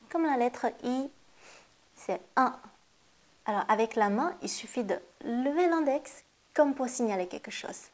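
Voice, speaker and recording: A woman teaches a language lesson at an unhurried pace. Her voice sits a little high, and she sounds out each word deliberately before explaining it. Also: a little mellow. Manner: slow, careful modeling of pronunciation. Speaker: Chinese teacher. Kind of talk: classroom lesson.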